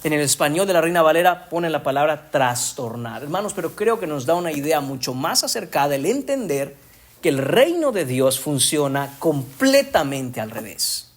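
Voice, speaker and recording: A man's voice: a little high, very animated, normal speed. A man preaching a sermon as a pastor, speaking emphatically and often addressing the congregation as brothers. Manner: emphatic, rising to strong stresses on key words.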